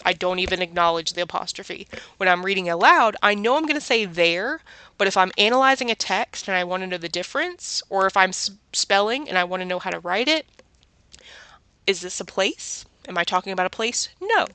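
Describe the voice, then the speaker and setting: A woman's voice: mid-range voice, animated, brisk, pushed and bright, clean tone. A woman with a Southern US accent teaching a children's reading lesson, patiently asking questions and answering them herself.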